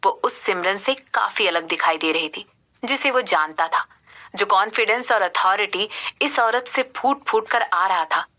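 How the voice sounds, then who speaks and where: A woman narrating a romance audio story in a steady, expressive storytelling manner. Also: medium pitch. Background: background music.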